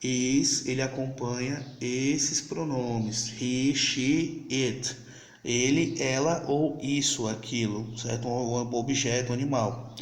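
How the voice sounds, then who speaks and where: Slow Brazilian teacher, echoey room. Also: male voice, mid-range voice, steady tone. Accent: Brazilian Portuguese. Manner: explains step by step, often checks in with students; says English example sentences slowly and clearly. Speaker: English teacher. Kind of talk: recorded video lesson for sixth graders.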